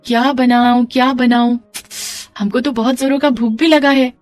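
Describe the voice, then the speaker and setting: Naive young bride, voiced by a woman, high cheerful voice, cartoon. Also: little pitch movement, moderate pace, no room sound, soft background music, natural voice. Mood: eager. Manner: cheerful, naive, broken grammar. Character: foreign young bride speaking broken Hindi.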